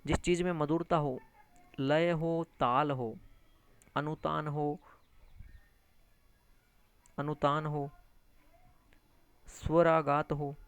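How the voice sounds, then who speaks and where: A man teaching an exam-prep lesson, animated, repeating key terms and addressing listeners as friends, with English words mixed into his speech. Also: fairly high pitch, very slow, pauses often, smooth, no room sound. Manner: mixes English words into lecture.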